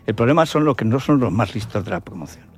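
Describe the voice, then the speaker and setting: An older man with an accent from Spain delivers an indignant, colloquial radio commentary, full of opinions and rhetorical questions. His voice is fairly low-pitched and darkish, with lively intonation and a fast pace. Faint music plays behind him.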